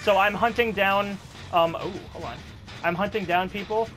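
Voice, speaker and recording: A young man hosting a casual gameplay chat, excitable and laughing often. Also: high-pitched, moderate pace, soft background music, rough recording. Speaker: gaming channel host.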